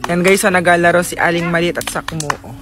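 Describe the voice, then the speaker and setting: A high-pitched man with a Southern Tagalog accent vlogs casually to the camera and to a child, playful, teasing, and exclamatory.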